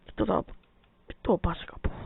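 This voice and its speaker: A let's player giving casual gameplay commentary, rambling to themself and the viewers and swearing often as they grumble at the game. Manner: rambling, self-talking, addresses viewers. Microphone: quiet mic held close. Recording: tinny phone-like mic, dry.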